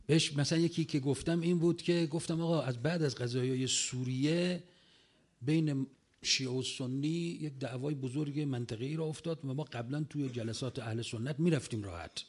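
A man's voice: mid-range voice, darkish tone, slightly rough. A man telling an audience about a long conversation, acting out the quoted lines as he retells them.

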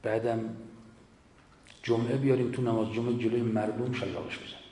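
Forceful man preaching in an echoey hall. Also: mid-range voice, steady tone. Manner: forceful, rhetorical questioning. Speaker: cleric. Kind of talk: sermon. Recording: echoey hall with faint ambience.

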